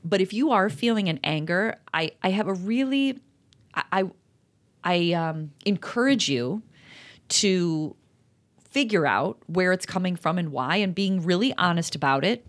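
A woman's voice: lowish voice, animated, a little slow. A woman co-hosting a talk show as a therapist, speaking earnestly and reflectively in a casual, chatty way with many fillers. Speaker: podcast co-host and therapist. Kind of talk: casual conversational advice.

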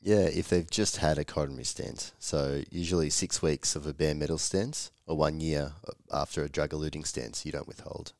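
Very deep, croaky-voiced man. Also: steady tone, normal speed, few pauses, a little mellow, no echo, clean studio sound. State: croaky, hoarse voice. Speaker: podcast co-host on medical teaching. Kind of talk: casual educational discussion.

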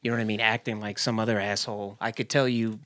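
A man telling stories in loose podcast chat with a fairly low voice that jumps high when he gets excited. His tone is animated and conversational, in a dry, close sound. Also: quick pace, dry recording. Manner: animated, big jumps in pitch when laughing. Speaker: podcast guest, actor. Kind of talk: casual chat, storytelling.

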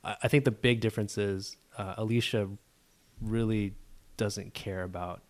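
A young man hosts a casual podcast in a low, soft-spoken voice. He talks in a hesitant, relaxed way with lots of fillers. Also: normal speed. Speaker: podcast host.

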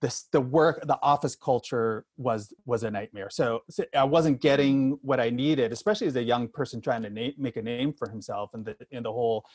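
Middle-aged man, low-pitched conversational storyteller. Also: darkish tone, husky, no room sound, clean studio sound. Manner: halting, repeats and restarts phrases often. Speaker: interview guest. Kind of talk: candid conversational interview, personal storytelling.

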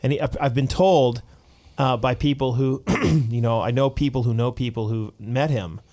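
Male pastor, casual chat, lively, often restarts mid-thought. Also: mid-range voice, normal speed.

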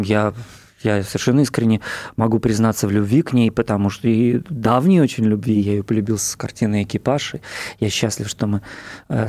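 Man, film director as guest, earnest and reflective, dark mellow voice, dry studio sound. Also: mid-range voice, no echo. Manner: thoughtful, earnest, with many pauses and fillers. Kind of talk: interview talk. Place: radio studio.

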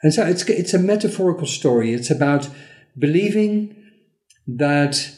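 A man with a somewhat high, mellow voice tells a parable in a relaxed podcast conversation. He slows down to act out the characters' lines, and the room around him sounds echoey. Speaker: podcast co-host.

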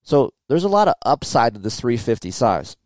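A man's voice: mid-range voice, sing-song, moderate pace, darkish tone, dry recording. Blunt, swearing middle-aged man. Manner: blunt, profane, conversational. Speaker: podcast host and motocross tester. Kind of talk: casual chat.

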